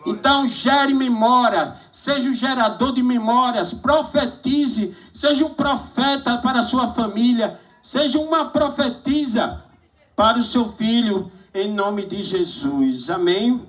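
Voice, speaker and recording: A man's voice: very high-pitched, measured pace, a bit bright. A man preaching a sermon, exhorting the congregation and calling for amens. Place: church service hall.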